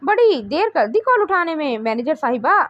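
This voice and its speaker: A woman's voice: high voice, very animated, normal speed, dull audio. A woman reading the lines of an arrogant, flirtatious male boss in a teasing, mocking way. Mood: smug.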